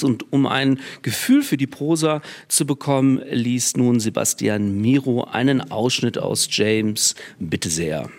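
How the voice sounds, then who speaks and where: A man's voice: mid-range voice, creaky, darkish tone. A male radio host moderating a book discussion in a composed, guiding manner.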